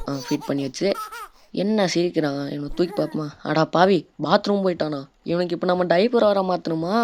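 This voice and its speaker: A man's voice: on the high side, a little mellow. A Tamil man doing casual let's-play commentary, chatting and playfully scolding a baby in the game. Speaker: gaming YouTuber.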